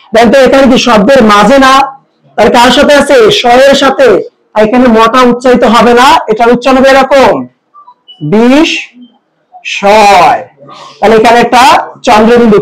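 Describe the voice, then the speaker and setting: Teacher, man, very high pitch, asks rhetorical questions, repeats rules slowly. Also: rough recording. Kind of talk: pronunciation lesson.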